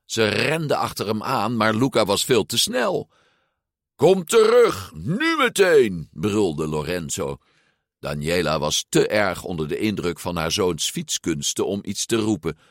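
A man reading a children's storybook aloud as narrator, expressive and acting out the figures. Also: low voice, a little slow, no room sound, studio quality. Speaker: audiobook narrator.

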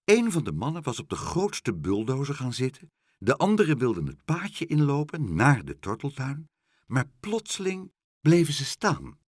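A man's voice: medium pitch, moderate pace, husky, no room sound, clean studio sound. A man reading a children's storybook aloud, narrating playfully. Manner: lively character voices, playful.

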